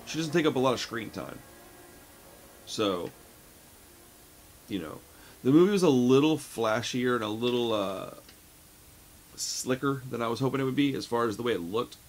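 A man's voice: mid-range voice, normal speed, long pauses, soft background music. A man in his late thirties giving a casual, chatty horror movie review from his home, often calling the listener "man". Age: 30s. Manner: relaxed and chatty, says "man" a lot. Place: home room lined with shelves of records and films.

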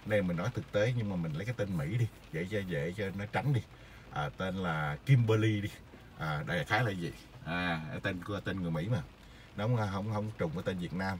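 A middle-aged man, telling stories in a casual, rambling monologue full of hesitant filler pauses. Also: sits low, a little hiss or hum. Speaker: vlogger sharing stories.

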